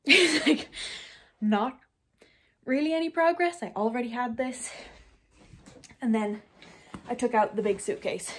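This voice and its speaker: A young woman vlogger rambles casually and fills her talk with fillers, first while driving in her car and later at home. Her voice is a little high and a bit bright.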